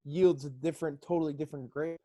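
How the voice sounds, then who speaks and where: Cheerful young male host, slightly high mellow voice, close and dry. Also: steady tone, quick pace, no room sound. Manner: upbeat, laughs often. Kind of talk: casual video call chat.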